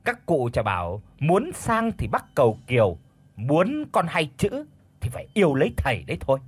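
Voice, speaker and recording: A shrill, bossy old village wife who nags and scolds , played by a male storyteller. Husky and lively, recorded dry and close. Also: normal speed, no echo. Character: shrewish old wife of a rich villager, loud and pushy.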